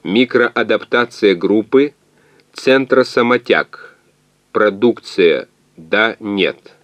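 A man reading an audiobook, voicing a translating calculator machine that speaks in slow, clipped, monotone word fragments. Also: on the low side, no echo. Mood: flat, halting.

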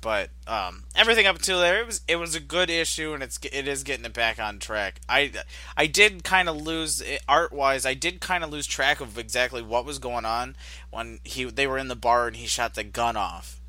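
A man's voice: mid-range voice, animated, moderate pace, sharp tone. A man co-hosting a podcast, talking casually about a comic issue in a rambling way with sarcastic asides. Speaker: podcast co-host. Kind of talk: casual comic book discussion.

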